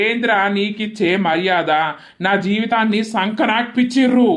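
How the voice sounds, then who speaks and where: A performer voicing a bitter middle-aged widowed village man in a cartoon comedy, scolding and cursing loudly, with a Telangana accent. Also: medium pitch, normal speed, natural voice. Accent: Telangana Telugu.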